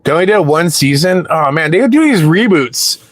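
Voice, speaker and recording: A man's voice: on the high side, lively intonation, normal speed, dry recording. A man chatting casually with his live-stream viewers while waiting for rides in his parked car, rambling and swearing freely.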